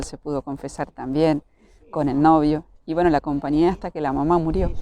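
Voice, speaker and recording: A man's voice: fairly high pitch, dark tone. A young man, a priest with an Argentine accent, telling his life story in an interview and acting out the dialogue he remembers. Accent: Argentine Spanish. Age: young adult. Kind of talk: personal testimony in an interview.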